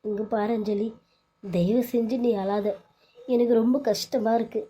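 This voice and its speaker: A woman's voice: mid-range voice, fairly even intonation, a little slow, dark tone, husky. A woman doing a scheming cartoon mother-in-law. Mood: coaxing. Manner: scolding and dismissive, then fussing and coaxing. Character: scheming mother-in-law, harsh to one daughter-in-law and doting on the other. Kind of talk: Tamil cartoon serial voice acting.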